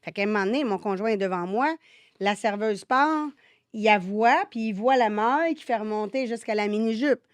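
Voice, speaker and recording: A woman with a Québécois French accent, a synergologist guest telling lively anecdotes on a podcast, acting out the dialogue. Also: mid-range voice, normal speed, clear, resonant tone, no echo, studio quality. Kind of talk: casual podcast storytelling.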